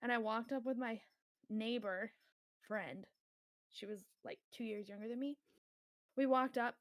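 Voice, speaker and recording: Higher-voiced young woman, laid-back. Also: measured pace, no room sound, studio quality. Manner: says "like" a lot, laid-back. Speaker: podcast co-host. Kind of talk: casual storytelling.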